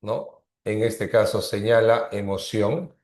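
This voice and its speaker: A male teacher giving a grammar lesson, explaining slowly, repeating terms and checking in with frequent tag questions. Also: lowish voice, darkish tone, roomy sound. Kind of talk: online grammar class.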